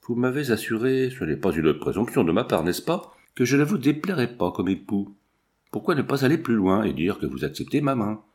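A man reading the lines of an ardent young gentleman suitor in an earnest, pleading way. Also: lowish voice, sing-song, a little fast.

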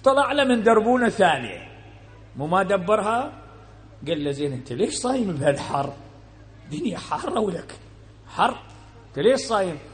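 A man with an Iraqi Arabic accent preaching a sermon. He tells a story and acts out its speakers, moving between loud emphatic bursts and low quiet asides. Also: very animated, a little fast, pauses often.

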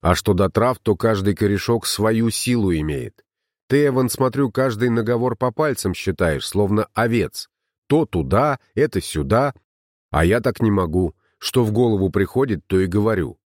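Gruff young herbalist for an audiobook, voiced by the male narrator: low, blunt, grumbling, dry close mic. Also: lively intonation, moderate pace, darkish tone, dry recording. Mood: musing.

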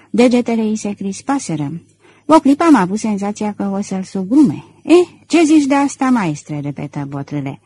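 A woman reading a classic mystery novel aloud as an audiobook narrator, in measured, dramatic storytelling. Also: medium pitch, warm tone, husky. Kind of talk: scripted narration.

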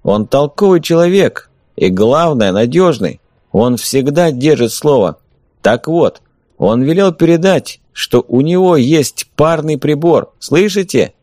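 A man playing a coaxing enemy envoy, raised and high. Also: animated, measured pace, no echo, studio quality. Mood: persuasive. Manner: ingratiating, calling out loudly. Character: smooth-talking male enemy envoy, coaxing and insincere. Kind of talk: audiobook character voice.

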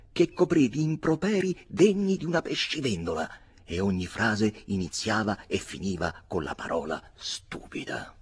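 A man reading a novel aloud in dramatic, expressive first-person narration. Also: fairly low pitch, husky. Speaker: audiobook reader. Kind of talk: scripted literary narration.

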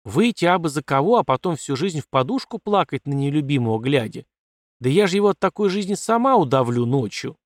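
A man voicing a bold, quick-tongued young woman, a colonel's daughter, in a defiant, mocking manner in a dry recording. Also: a little high, big pitch swings, no room sound. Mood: indignant. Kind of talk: audiobook character voice.

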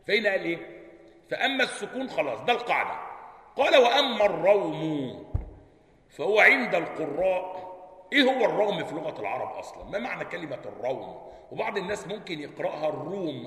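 A man's voice: on the high side, sharp tone. A man with an Egyptian accent, reading from a classical text and explaining it to students, often asking whether they follow. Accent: Egyptian Arabic. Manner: reads a passage, then explains it colloquially with frequent checks on the listeners. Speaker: sheikh teaching Quran recitation. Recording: echoey hall.

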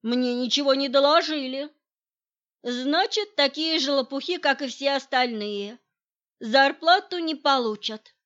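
A woman's voice: high-pitched, unhurried, fairly bright tone, dull audio, voice pushed up. A woman reading the lines of a smirking mafia man who mocks the others. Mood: mocking. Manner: sneering, mocking.

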